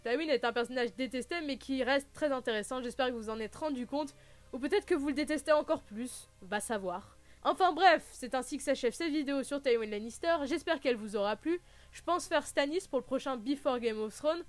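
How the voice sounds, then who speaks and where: A woman's voice: sits high, a little fast, no echo, soft background music. A woman hosting a casual recap vlog, chatty and full of playful joking asides. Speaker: video host.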